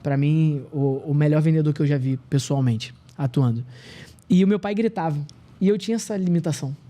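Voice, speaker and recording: Thirties male guest, earnest and reflective, warm dark voice, a bit high-pitched. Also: a little fast. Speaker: podcast guest. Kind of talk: casual podcast conversation.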